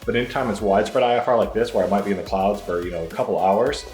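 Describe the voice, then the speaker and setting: A man's voice: on the low side, rapid-fire, a little mellow. An American man narrating a casual video blog in an informal, thinking-aloud way. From Michigan, United States. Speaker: pilot video blogger. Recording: roomy echo, faint music behind.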